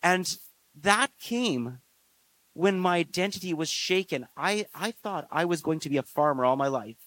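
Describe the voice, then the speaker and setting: A man preaching a sermon in an earnest, measured way, slowing down on key phrases. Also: on the high side, expressive, fairly bright tone. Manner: earnest, measured delivery with slow emphatic phrases and frequent fillers.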